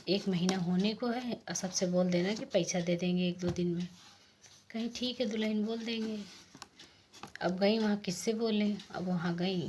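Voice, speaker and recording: A woman casually narrating a village folk tale, softly voicing the lines of each character. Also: medium pitch, slight background noise. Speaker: storyteller.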